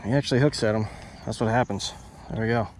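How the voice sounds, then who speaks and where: A man's voice: on the low side, quick pace. A young man narrating casually while he fishes, chatting to the fish and to his viewers, recorded outdoors on a head-mounted camera. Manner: excitable, talks to the fish and viewers. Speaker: fishing vlogger. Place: outdoors at a pond bank. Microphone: head-mounted action camera. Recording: outdoor camera mic with nature noise.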